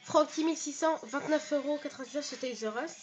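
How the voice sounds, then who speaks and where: A woman's voice: sits high, quick pace, a little hiss or hum. A woman in her bedroom giving a casual show-and-tell of her toy collection, chatty and full of hesitations as she reels off prices.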